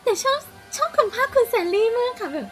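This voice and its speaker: A woman from Thailand streaming a game live, translating lines aloud with excitable, giggly, chatty asides. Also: very high-pitched, quick pace, faint music behind.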